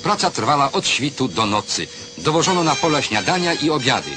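A man's voice: mid-range voice, very animated, fairly quick. A man giving formal, declamatory commentary in the manner of an old newsreel narration. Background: background music.

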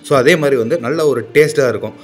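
A man reviewing food, talking with his mouth full. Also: medium pitch. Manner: fast, filler-heavy talk with many "so" and "vandhu". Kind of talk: casual food review narration.

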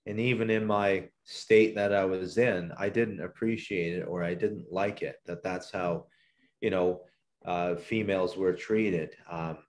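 Deep-voiced man telling his testimony. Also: fairly even intonation, unhurried. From southern Ontario, Canada. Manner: earnest, reflective storytelling. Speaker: guest. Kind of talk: personal testimony in a podcast interview.

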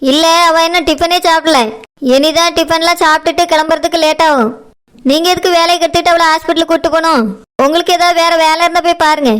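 A woman's voice: very high-pitched, fairly even intonation, fast talker, a bit bright. A woman voicing a stern, domineering mother who talks in a harsh, commanding way, in a cartoon. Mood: evasive. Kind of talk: cartoon voice acting.

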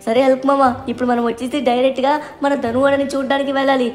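Woman playing a high rapid-fire cheeky little boy, faint music behind. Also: natural voice. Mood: chatty. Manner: chattering, excited. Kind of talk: fan dub of game footage.

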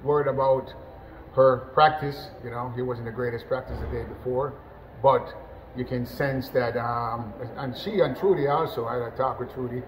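A middle-aged man from Jamaica talks easily about a match, his voice at an average pitch for a man. He rambles a little, leaning on fillers and restarting phrases. A steady, clearly audible noise runs underneath the webcam sound. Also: normal speed, low-quality recording. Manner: relaxed, conversational, many "you know" fillers and restarts. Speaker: national team football coach. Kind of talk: post-match interview. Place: indoors, in front of a sponsor backdrop.

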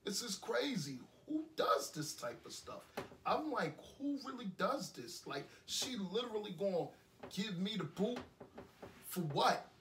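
A man's voice: high-pitched, big pitch swings, measured pace, fairly bright tone, a little hiss or hum, heavily acted. An actor with a New York accent playing a heartbroken young man who rambles bitterly and repeats himself in an indie film monologue. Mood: indignant. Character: heartbroken young man ranting after breakup. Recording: echoey room, voice from a distance.

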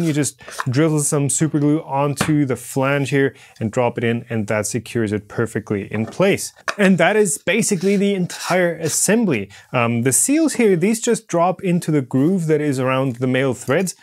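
A man in his thirties presents a hands-on maker tutorial from his indoor home studio workshop, casually walking through a product and demonstrating as he explains. His voice is fairly high and a little mellow. He's recorded on a lapel mic.

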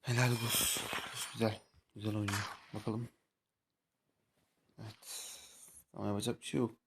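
A man's voice: on the low side, level tone, normal speed, fairly bright tone. Exasperated young man ranting over gameplay. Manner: exasperated ranting at teammates, swearing. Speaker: mobile game streamer. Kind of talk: live gameplay commentary. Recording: clear background noise.

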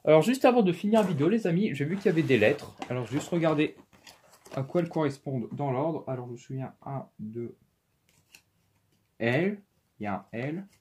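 A man's voice: fairly high pitch, lively intonation, a little fast, a little mellow, breathy edge. A man hosting a casual unboxing vlog, thinking aloud and counting hesitantly. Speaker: toy-unboxing YouTuber.

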